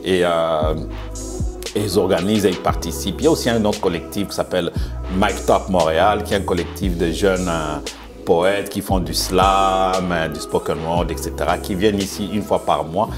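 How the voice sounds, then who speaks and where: Hesitant lower-voiced man in his fifties. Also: steady tone, over music. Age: 50s. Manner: hesitant, halting with many pauses and repeated words. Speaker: museum director. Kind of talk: conversational interview. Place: museum in Montreal.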